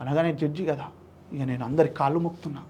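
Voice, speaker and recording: A man, telling an emotional story in an interview, animated and acting out the voices of people he quotes. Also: on the high side, fast talker, slight background noise. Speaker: social activist guest.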